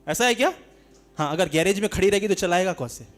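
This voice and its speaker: A man with a Hindi accent preaching a sermon as pastor, lively, shifting between shouts, laughter and quiet storytelling. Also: sits high, quick pace, faint music behind.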